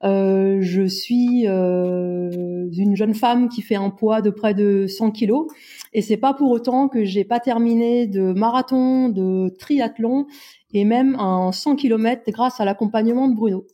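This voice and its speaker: Fortysomething woman on a podcast, warm lowish tone, lots of euhs, jokes about herself. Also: faint music behind. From Brittany, France. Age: 40s. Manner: hesitant, many filler pauses, self-mocking humour. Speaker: guest, amateur endurance runner. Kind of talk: podcast interview.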